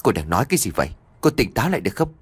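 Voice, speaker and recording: A man's voice: medium pitch, very animated, husky, dry recording. A man voicing a stern, angry father who scolds his wife in an audio story. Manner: scolding, fast.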